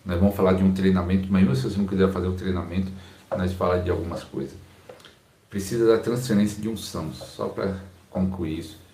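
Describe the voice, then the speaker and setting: A man with a Brazilian Portuguese accent, a pastor teaching his audience in a slow, calm, soft-spoken way, recorded on a phone's built-in mic. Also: low voice, roomy sound. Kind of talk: informal teaching talk to a live audience.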